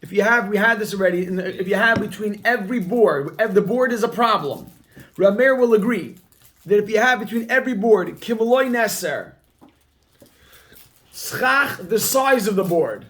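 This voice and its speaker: A man's voice: high voice, animated, normal speed, fairly bright tone. A man teaching a Talmud class, who repeats key phrases over and over and calls on his students with emphatic energy. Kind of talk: Talmud class reading and explaining text.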